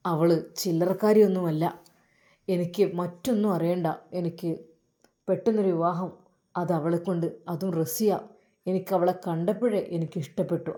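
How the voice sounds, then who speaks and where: Woman doing a pushy boss guy, low and coaxing, insists on getting his way. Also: warm tone, natural voice. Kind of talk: storytelling voice acting.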